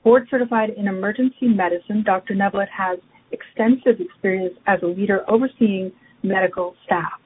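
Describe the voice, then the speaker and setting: A woman moderating a webinar, reading formal, measured speaker introductions. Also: mid-range voice. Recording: tinny phone line with faint noise.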